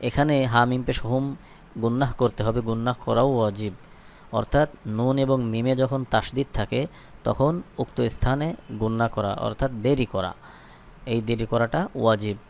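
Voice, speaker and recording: A man with a Bangladeshi Bengali accent teaching a recitation lesson. He spells out syllables and then chants them slowly for learners to repeat. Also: mid-range voice, steady tone, gravelly, a little mellow, a little hiss or hum. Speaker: Quran teacher.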